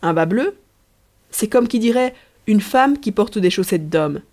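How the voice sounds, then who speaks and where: A woman's voice: medium pitch, lively intonation, unhurried, a little mellow, natural voice. A woman reading the part of a witty young husband, with a dry, wry delivery.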